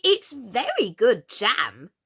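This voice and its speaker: A woman's voice: a little high, huge pitch swings, slow pace, a bit bright, husky, voice pushed up, full character voice. A woman voicing a flustered, helpless, melancholy storybook queen who groans, sighs and speaks emphatically. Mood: insistent. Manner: groaning, sighing, dotty, emphatic delivery.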